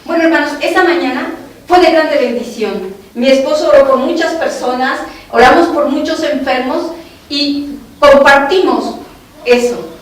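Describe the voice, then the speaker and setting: A woman's voice: high-pitched, a little slow. A woman with a Mexican accent, a doctor giving an earnest, emotional testimony to a congregation in a church. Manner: earnest, emotional, often addressing the brothers and sisters. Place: church hall. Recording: echoey hall from far off, faint noise.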